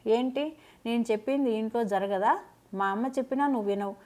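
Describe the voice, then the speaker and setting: A woman voicing a spoiled, sharp-tongued young sister-in-law who talks in a loud, mocking and whiny way. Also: a little high, a little fast, close to an everyday voice. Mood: indignant.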